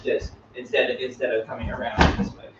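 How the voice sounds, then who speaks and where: A man's voice: medium pitch, little pitch movement, fast. A man coaching a martial arts class, explaining kicks in a loose, rambling way and laughing often. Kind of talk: casual explaining during class. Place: indoor training gym. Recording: echoey, distant, muffled, noisy room.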